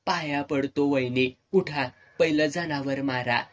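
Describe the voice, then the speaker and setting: A man voicing a timid, quick-tempered young village farmer, in a serialized audio novel. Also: on the high side. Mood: tense.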